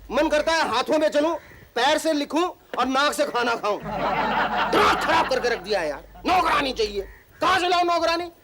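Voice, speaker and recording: An actor playing a harried husband in a sitcom, complaining and cracking punning jokes. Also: male voice, very high voice. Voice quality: wisecracking, punning patter. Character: harried comic husband hunting for a maid. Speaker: sitcom character. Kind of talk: sitcom acting. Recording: sitcom audio with hiss.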